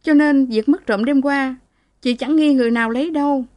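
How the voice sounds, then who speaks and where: A woman's voice: high-pitched, fairly quick, darkish tone, voice pushed up, lightly acted. A woman voicing a young married woman who has been beaten, speaking in a raised, pleading, tearful way. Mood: aggrieved.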